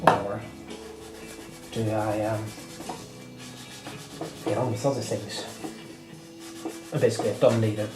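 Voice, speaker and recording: A man's voice: on the low side, fairly even intonation, slow pace, long pauses. A man in his late thirties, a little stuffy from a cold, talking casually and reflectively with lots of fillers while he works. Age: 30s. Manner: rambling and reflective, many fillers. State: slightly congested from a cold. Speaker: guitar channel host. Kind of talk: casual rambling talk while working. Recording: echoey room with loud music behind.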